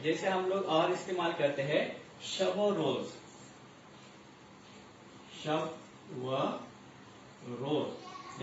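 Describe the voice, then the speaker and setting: A man with a fairly high voice teaching a grammar lesson. He goes over each term slowly and answers his own questions. The recording is muffled, echoey and distant, with faint room noise behind him.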